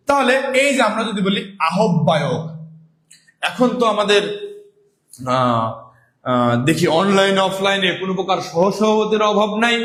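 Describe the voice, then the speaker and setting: High-voiced man teaching a live class. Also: a bit bright, echoey room. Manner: repetitive, asks and answers own questions; addresses viewers as brothers and sisters. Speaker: online exam-prep teacher. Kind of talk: live online grammar class.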